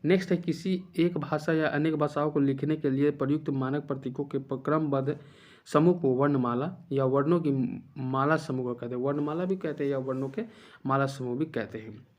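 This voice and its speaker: A man's voice: on the high side, steady tone, fairly quick. Man drilling grammar for exam prep. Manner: repeats points and asks rhetorical questions to drill students. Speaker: teacher.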